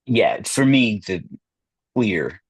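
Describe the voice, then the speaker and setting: A man's voice: on the low side, sing-song, very slow, slightly rough, no echo. A man hosting a podcast, chatting casually about film awards in a rambling, hesitant way with many fillers. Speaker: podcast host.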